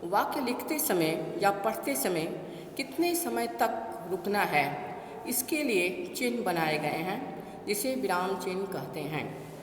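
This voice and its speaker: A woman teacher giving a classroom lesson, dictating slowly and deliberately. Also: medium pitch, expressive. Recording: echoey room with faint noise.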